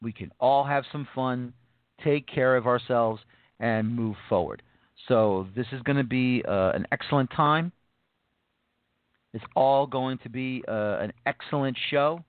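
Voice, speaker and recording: A man's voice: medium pitch, a little slow, dry recording. A man hosting a casual soccer interview show, rambling and repeating himself with many fillers. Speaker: podcast host. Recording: dry phone-like line.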